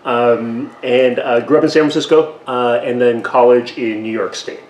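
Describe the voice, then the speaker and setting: A man's voice: mid-range voice, fairly even intonation, normal speed, darkish tone. A middle-aged man from Taiwan, a guest in an interview, talking in a self-deprecating way with many restarts. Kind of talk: casual interview. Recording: echoey room with faint noise.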